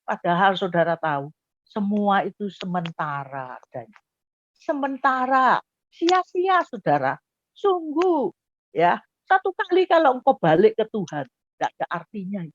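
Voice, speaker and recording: A woman's voice: medium pitch, huge pitch swings, moderate pace, dry recording. Emotive woman preaching her testimony. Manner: emotive, addresses listeners directly. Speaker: testimony speaker. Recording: dull dry lo-fi recording.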